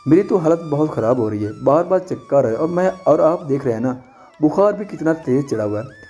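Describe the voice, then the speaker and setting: A man voicing an ill, worried young village woman who speaks softly and wearily, in a storybook reading. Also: a little high, animated, faint music behind, natural voice. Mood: weary. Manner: soft, tired pleading.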